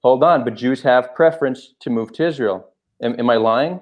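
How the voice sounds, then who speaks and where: A man hosting a call-in debate speaks in a calm, measured way, steadily laying out his argument. His voice sits at an ordinary pitch and comes through slightly dull and lo-fi. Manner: calm, measured, repeatedly tries to get a word in. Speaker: host.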